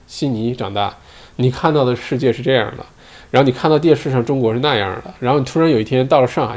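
A man's voice: medium pitch, a little mellow. A man hosting his own solo show, talking casually in a rambling way with many fillers and tag questions. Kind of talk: casual commentary monologue.

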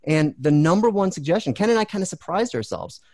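A man hosts an online discussion, laying out ideas in a thoughtful, steady way. His voice is somewhat high for a man. The sound is dry and close, with no room echo. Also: fairly quick. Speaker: host. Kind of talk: casual discussion on a video call.

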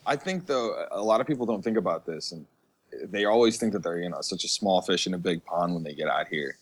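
A low-pitched, brisk male voice belongs to an American musician appearing as a guest in a casual interview. He talks earnestly and emphatically, swearing now and then.

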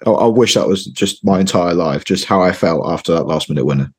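A man with a hoarse voice chatting casually as a podcast guest, often repeating his words as he goes. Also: deep voice, fairly quick. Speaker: podcast guest, football fan and reporter. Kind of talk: casual chat.

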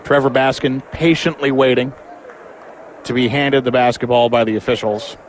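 A man's voice: mid-range voice, steady tone, moderate pace. Male basketball play-by-play man over game noise. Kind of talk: live sports commentary. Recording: clear background noise of the game.

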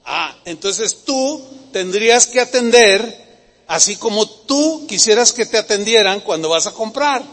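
A man's voice: high-pitched, expressive, a little slow, a bit bright. A man preaching a Sunday sermon, emphatic and repetitive, often asking the congregation questions. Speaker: pastor. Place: church hall. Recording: long hall reverb.

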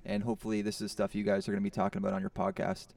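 A man's voice: fairly low pitch, monotone, racing, vocal fry, darkish tone. A Canadian man co-hosting a podcast, enthusiastic and jokey. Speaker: podcast co-host. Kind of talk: casual chat. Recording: a bit distant from the mic.

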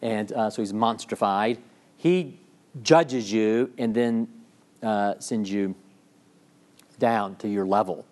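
A man's voice: on the low side, slow, long pauses, darkish tone. A man giving a classroom lecture in a discursive way, with frequent fillers and restarts, often checking in with the class.

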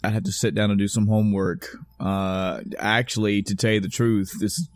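A man's voice: fairly low pitch, flat delivery, moderate pace, no room sound, studio quality. A man co-hosting a casual podcast chat, rambling and correcting himself as he talks. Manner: rambling, self-correcting, swearing. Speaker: podcast co-host.

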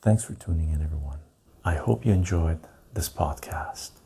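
Deep, gravelly man on a clip-on mic. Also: normal speed, mellow, a little hiss or hum. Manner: conversational, repeats phrases for emphasis. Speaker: live stream and podcast host. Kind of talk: casual live stream sign-off to chat. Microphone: clip-on lapel mic.

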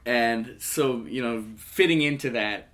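A man's voice: medium pitch, measured pace, a bit bright. A young man in his twenties, a podcast guest, talking casually in a rambling, upbeat way with lots of restarts. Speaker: podcast guest, comic and musician. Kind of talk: casual conversation.

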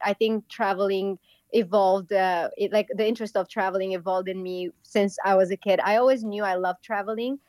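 A woman's voice: medium pitch, fairly even intonation, a little fast, darkish tone, dry recording. Upbeat young woman, dry close sound. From Syria. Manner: upbeat, with frequent ums. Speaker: travel YouTuber and guest. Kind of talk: casual interview answers.

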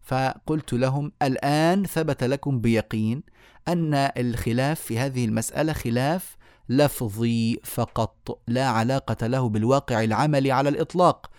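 A man's voice: medium pitch, moderate pace, darkish tone, dry recording, clean studio sound. A man teaching a tajweed lecture online, explaining the rules of pronunciation step by step and sounding out the letters as he goes. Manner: explanatory, repeats key words, demonstrates sounds aloud. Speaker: Quran recitation teacher.

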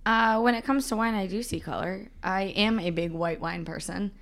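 A woman's voice: mid-range voice, normal speed, creaky. Woman, podcast co-host, casual chat, rambling, laid-back.

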